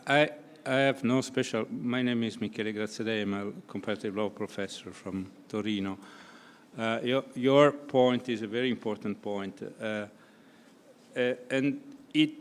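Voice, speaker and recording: A man's voice: mid-range voice, in a large hall, a little hiss or hum. A man from Italy with a Piedmontese accent, a comparative law professor answering on a panel with many hesitations. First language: Italian. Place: conference hall.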